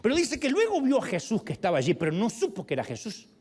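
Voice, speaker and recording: A man's voice: high voice, quick pace, breathy edge. A male pastor preaching a sermon, telling the story with humor and playful asides. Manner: animated storytelling with humor and acted quotes.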